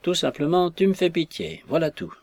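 A man's voice: a little high, very animated, a little mellow, no echo, pitched above the performer's own voice. A man voicing a blunt, simple old woman telling fortunes. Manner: blunt, slow.

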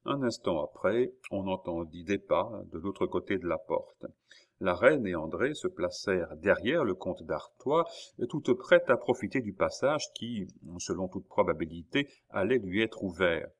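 Un homme qui lit un roman à voix haute, d'un ton posé et théâtral. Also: male voice, deep voice, animated, measured pace. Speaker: audiobook narrator. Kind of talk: literary narration.

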